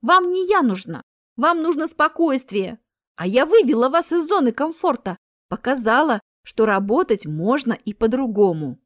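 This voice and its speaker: A cheeky young female ghost, eager and pert, chattering in a bright high voice, as a woman acts her out. Her lines bounce across a wide range, recorded dry and close. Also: sing-song, moderate pace, hardly any pauses, dry recording.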